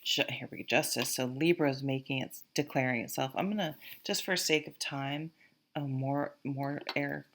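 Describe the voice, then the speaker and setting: A woman with a Vermont accent reading tarot casually to camera, halting and rambling as she thinks aloud. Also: a bass voice, fairly bright tone. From Vermont, USA. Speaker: tarot reader, host.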